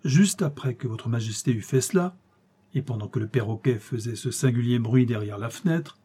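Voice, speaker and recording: A man reading aloud who voices a crippled dwarf jester speaking calmly and deliberately. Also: medium pitch, husky. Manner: calm, measured speech. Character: crippled male dwarf jester, quietly vengeful.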